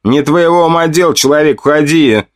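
A man's voice: a little high, moderate pace, no room sound, clean studio sound, voice pushed up, close to an everyday voice. A man voicing an angry, proud female elf goddess in an audiobook, snarling commands.

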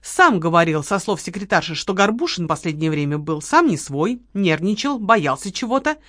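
A woman voicing a quick-tempered, sarcastic young woman in an audiobook, scolding and bossing her partner. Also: lowish voice, lively intonation, a bit bright, dry recording, clean studio sound. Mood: reasoning.

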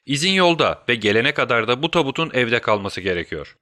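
A man's voice: mid-range voice, sing-song, fairly quick, bright, forceful tone, dry recording. A man voicing Sherlock Holmes, a brilliant, restless detective who speaks urgently and gives commands, in an audiobook. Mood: commanding. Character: brilliant, restless male detective in his prime. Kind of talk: audiobook character voice.

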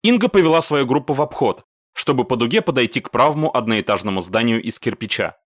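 A man narrating a military audiobook in an expressive, animated way. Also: medium pitch, fast, no room sound, studio quality. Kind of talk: scripted narration.

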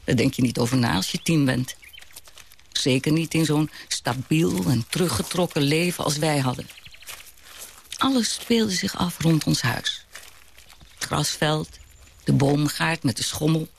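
Reminiscing grown child, gravelly, slightly high voice, radio drama narrator. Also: male voice, measured pace, long pauses, a little hiss or hum. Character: grown child looking back on a childhood home.

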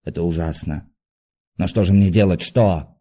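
A man voicing an agitated young male asylum patient who shouts bitter accusations. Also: low voice, normal speed. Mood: desperate.

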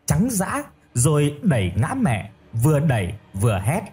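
Male ghost-story narrator, mellow voice. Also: fairly high pitch, unhurried, soft background music. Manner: steady, storytelling delivery.

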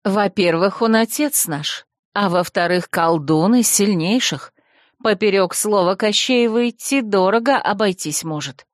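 A woman voicing a young woman's gentle, persuasive older sister in an audiobook, folksy and soothing. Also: mid-range voice, measured pace, no echo, studio quality, lightly acted. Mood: coaxing, stern. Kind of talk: audiobook character voice.

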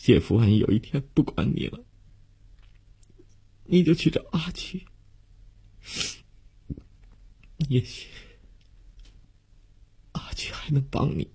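A man's voice: deep voice, takes it slowly, creaky, long pauses, darkish tone, slightly rough, pitched above the performer's own voice, exaggerated voice. A man voicing the tearful ghost of a young man saying farewell in a told story, his words choked and broken.

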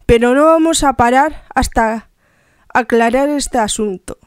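A bullying, sarcastic police officer interrogating a suspect, as a woman reads his lines. The voice is high-set, slow and very clear, recorded close and dry. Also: no room sound. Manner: menacing interrogation.

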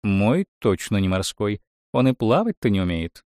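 A proud and vain tsarina from a storybook who barks orders and expects to be obeyed, as a man puts her on. Her voice is raised well above his own and swings widely in pitch. The sound is dry and close, with no room around it. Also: very animated, moderate pace, darkish tone, no echo, close to an everyday voice. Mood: haughty. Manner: imperious, commanding. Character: haughty vain middle-aged tsarina.

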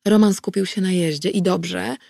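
A woman reading a novel aloud in the first person, in a steady, measured audiobook narration. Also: lowish voice, gravelly, no echo, clean studio sound.

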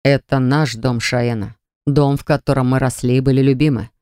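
A woman reading an audiobook and voicing a stern male dragon who speaks slowly and firmly. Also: very deep voice, fairly even intonation, mellow, smooth, no echo, clean studio sound, pitched below the performer's own voice. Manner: slow, measured and commanding. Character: stern male dragon, the calm elder brother.

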